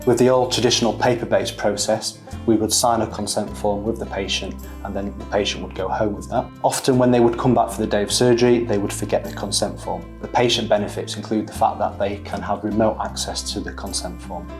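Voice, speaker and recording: A man, a hospital consultant, explaining a new process in a measured, explanatory way. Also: fairly low pitch, steady tone. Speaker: pain management consultant. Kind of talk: interview explanation. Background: soft guitar music.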